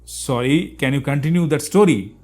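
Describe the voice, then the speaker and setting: A man's voice: fairly high pitch, normal speed, a little mellow. Indian man walking through an app tutorial. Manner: explanatory, talks to an AI assistant with fillers. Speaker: tech tutorial host. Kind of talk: step-by-step tutorial narration.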